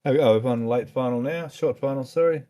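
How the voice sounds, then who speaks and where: Sleepy guy narrating a live flight stream, tripping on words, mellow kinda dark voice. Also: medium pitch, brisk. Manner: loose, stumbling over words, apologetic. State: tired late at night. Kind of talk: casual live-stream chat.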